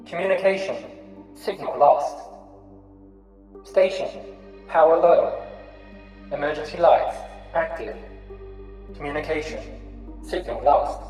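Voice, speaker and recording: Man voicing a computerized station loudspeaker voice. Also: fairly high pitch, roomy sound, in a large hall, far from the mic, voice pushed up. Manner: clipped, halting announcements of single words. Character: computerized space station announcement voice, machine, flat and halting. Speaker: game master. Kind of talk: voicing a figure in a tabletop game.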